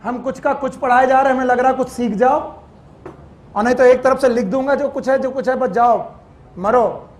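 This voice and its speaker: High pitched teacher guy, purvanchal hindi accent, grilling his class, bit of room noise and students behind. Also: moderate pace. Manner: scolding, questioning the class, mixing English terms. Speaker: biology teacher. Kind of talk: classroom lecture.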